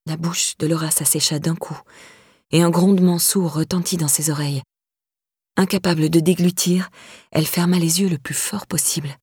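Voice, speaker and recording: A woman narrates a crime novel in a low, husky, slightly breathy voice. Her reading is even and measured. The sound is dry and close, with no room around it. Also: no room sound. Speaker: audiobook narrator. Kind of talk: scripted narration.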